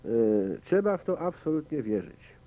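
A man's voice: on the high side, very animated, normal speed. A man giving a conversational spoken commentary on a meditation as its teacher, often asking his listeners questions. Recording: tinny, phone-like lo-fi recording.

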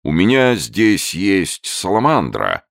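A stern, blustering zoo director, as a man puts him on, pitched higher than the narrator and booming out his lines. His voice keeps a gravelly edge and swings widely between notes. It is a storybook figure with dry close sound. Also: wildly swooping pitch, a little slow, no echo, full character voice. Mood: hesitant. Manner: loud, commanding outbursts. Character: stern, easily startled male zoo director.

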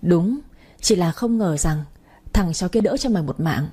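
A woman's voice: lowish voice, expressive, moderate pace, warm tone, slightly rough. A woman voicing a cruel, scheming female villain who sneers and hisses threats. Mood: sneering.

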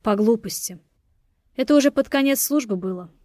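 A woman voicing a calm, steady young man who speaks tersely. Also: on the high side, a little fast, no room sound, lightly acted.

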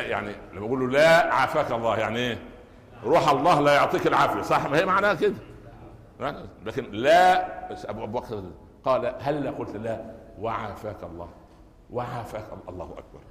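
A man's voice: medium pitch, fairly bright tone. A middle-aged man with an Egyptian Arabic accent delivering a Friday sermon, telling stories and asking his audience rhetorical questions. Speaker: preacher. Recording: echoey hall with long reverb.

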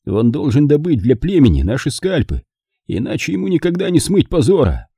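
A man's voice: a little high, big pitch swings, dark tone, husky, dry recording, studio quality, voice pushed up, exaggerated voice. A man voicing a dying older frontiersman uncle who speaks weakly and grimly, coughing between words. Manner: weak, halting, grim.

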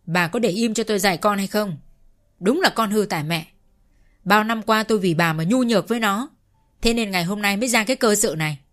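A woman voicing a harsh elderly father who shouts and curses at his grown son. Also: medium pitch, brisk, close to an everyday voice. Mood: furious scolding. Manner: shouting, cursing. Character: harsh elderly father-in-law, furious, scolding.

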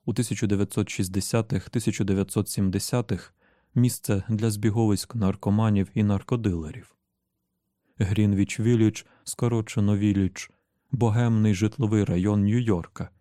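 Low, mellow male narrator. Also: no room sound, studio quality. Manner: steady, even reading. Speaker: audiobook narrator. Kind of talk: scripted narration.

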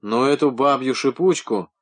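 A man reading an audiobook voices a rough, belligerent young village husband who shouts crude threats. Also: medium pitch, moderate pace, pitched above the performer's own voice, natural voice. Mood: grumbling.

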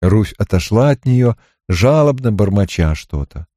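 A man narrating a novel as an audiobook in an expressive, measured reading. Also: on the low side, dry recording, studio quality.

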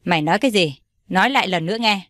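A woman's voice: medium pitch, animated, rapid-fire, a bit bright, no echo, clean studio sound, close to an everyday voice. Woman voicing a furious old patriarch. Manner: harsh, commanding. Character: furious old male patriarch, domineering father.

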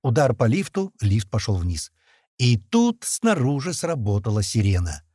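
A man reads a gritty first-person action story aloud, his pitch leaping up when the characters shout. The sound is close and dry with no room around it. He keeps an animated, swinging delivery throughout. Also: unhurried, husky, dry recording. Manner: lively, shouts character lines. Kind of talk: audiobook narration with acted dialogue.

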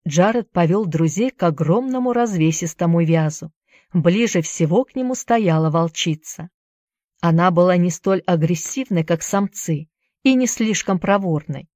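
Low-voiced woman narrating a story. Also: normal speed, no room sound, studio quality. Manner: steady, storytelling. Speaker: audiobook narrator. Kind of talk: scripted narration.

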